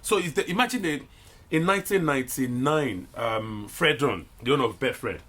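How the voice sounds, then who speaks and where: Animated husky man talking football. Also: medium pitch, moderate pace. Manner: emphatic, animated, repeats himself. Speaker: football pundit. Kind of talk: casual sports chat.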